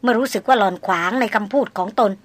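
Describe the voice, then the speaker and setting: A woman reading a novel aloud as an audiobook narrator in a measured, literary way. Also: a little high, no room sound.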